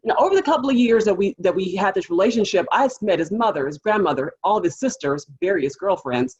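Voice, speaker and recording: A woman with a husky, breathy voice tells a story in animated fashion, and she acts out the other people's lines. The sound is muffled and lo-fi. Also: medium pitch, quick pace. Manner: animated storytelling with acted quotes. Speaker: public defender. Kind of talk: panel storytelling.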